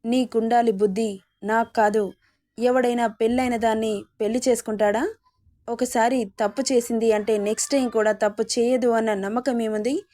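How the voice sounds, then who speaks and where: A woman's voice: a little high, steady tone, normal speed, dark tone, dry recording, clean studio sound, lightly acted. A woman reading the lines of a callous young man who mocks his married lover, in a scornful tone. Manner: scornful, mocking.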